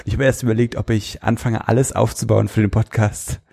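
Low, gravelly teasing podcast co-host. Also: male voice, flat delivery, brisk, mellow. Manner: teasing, jokey. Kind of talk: casual chat.

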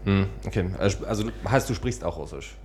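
A man co-hosts a casual interview and asks his questions with frequent fillers. He talks quickly in a very low voice. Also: animated, darkish tone. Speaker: co-host.

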